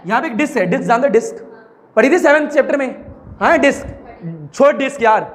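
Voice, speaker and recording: A man's voice: very high voice, lively intonation, brisk. A man teaching a physics class, dictating notes and prompting students to repeat key words.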